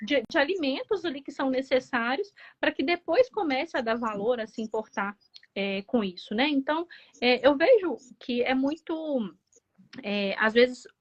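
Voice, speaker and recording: A woman host with a Brazilian Portuguese accent talks in a fairly high voice, chatty and full of hesitant restarts. Her audio comes through a dull, lo-fi video call. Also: expressive, normal speed. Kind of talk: casual live interview.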